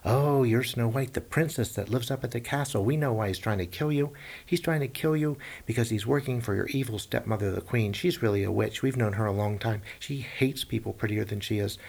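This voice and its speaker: A man's voice: medium pitch, a little fast, vocal fry, darkish tone. A man voicing a blunt, gossipy little dwarf who talks in a brash, chatty way.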